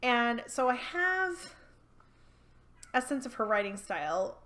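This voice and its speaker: A woman's voice: a little high, very animated, slow, sharp tone. A woman, chatting casually and rambling as she reviews a book for her vlog. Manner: chatty, rambling with restarts and fillers.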